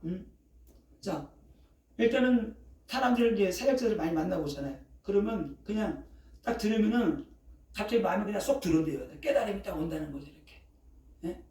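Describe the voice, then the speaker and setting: A pastor in their sixties delivers a casual, colloquial sermon in a church sanctuary, using vivid sound words and asking "eh?" after each phrase to keep checking in with the congregation. The voice is medium-pitched and warm, picked up from a distance with a roomy echo.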